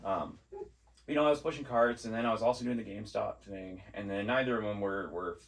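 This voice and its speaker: A man's voice: lowish voice, a little fast. A young man being interviewed about his jobs, talking casually, rambling and mocking himself with frequent laughs. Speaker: interview guest, assistant manager.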